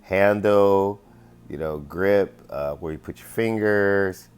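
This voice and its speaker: A man's voice: deep voice, slow, smooth. A man casually presenting his investigation to viewers, rambling with many fillers and often asking "right?". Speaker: amateur investigator presenting findings. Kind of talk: casual screen-share presentation.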